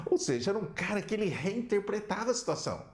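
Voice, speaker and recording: A man giving an animated storytelling talk as a counselor, often tagging his lines with "né?". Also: sits high, fast. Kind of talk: storytelling talk with religious examples. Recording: roomy echo.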